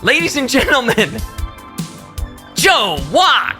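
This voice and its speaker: A man co-hosts a casual podcast, his voice bright and ringing, swinging widely up and down in pitch. He talks in a lively, animated way and laughs easily, while faint music plays underneath. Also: slow pace. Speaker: podcast co-host. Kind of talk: casual chat.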